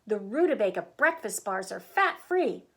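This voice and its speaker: A woman's voice: mid-range voice, big pitch swings, moderate pace, fairly bright tone, slightly rough, full character voice. Woman as fussy, gushing older Goldilocks. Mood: gushing, smug. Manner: hoity-toity, exclaiming, breezily self-congratulatory.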